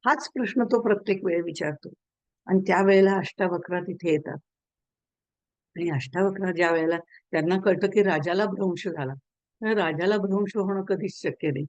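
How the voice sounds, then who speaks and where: A woman's voice: fairly low pitch, normal speed, a little mellow, no room sound. A woman giving a spiritual discourse on a religious text, telling a story and acting out its voices. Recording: dull lo-fi dry recording.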